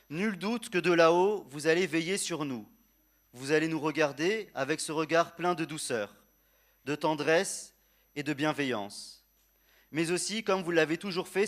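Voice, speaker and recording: Higher-voiced man giving a solemn, grieving eulogy. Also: fairly bright tone. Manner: solemn, measured, tender oratory with rhetorical repetition. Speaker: eulogist at a church funeral. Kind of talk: prepared funeral eulogy addressed to the deceased.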